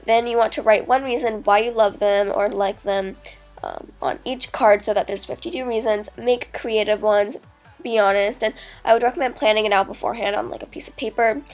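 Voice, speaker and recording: A woman's voice: medium pitch, steady tone, fairly quick, soft background music. Casting: teen girl vlogger, congested from a cold, chatty and rambling, lots of 'like' and 'um'. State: stuffy nose from a cold. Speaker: DIY vlogger. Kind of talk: casual tutorial talk.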